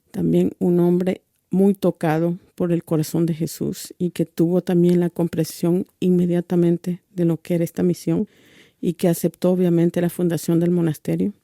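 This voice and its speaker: A woman's voice: lowish voice, mellow, no echo, clean studio sound. A woman from El Salvador giving a religious testimony, telling her story earnestly and acting out the dialogue she quotes.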